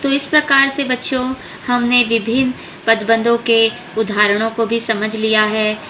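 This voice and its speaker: A woman teacher explains grammar to students at an unhurried, careful pace. Her voice is bright and a little high, and she repeats key definitions so they sink in. A faint hiss sits under the recording. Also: little pitch movement, lo-fi sound. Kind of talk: slow, clear classroom explanation.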